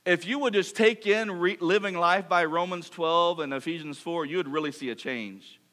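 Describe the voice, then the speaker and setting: A man's voice: on the high side, moderate pace. A middle-aged man preaching a sermon, reading Scripture aloud and acting out mock apologies with humor. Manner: lively preaching, reads Scripture, mock-apologizes in funny voices. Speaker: pastor.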